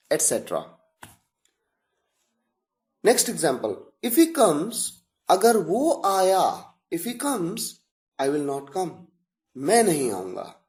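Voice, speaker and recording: This high-pitched man speaks English with an Indian accent. He gives a slow, explanatory lesson, carefully spelling out his examples.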